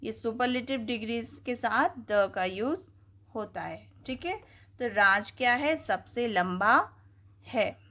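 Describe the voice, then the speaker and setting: A woman's voice: fairly high pitch, a bit bright. A woman teaching grammar, asking questions and answering them herself. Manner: explains slowly, asking and answering her own questions. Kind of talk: classroom-style lesson.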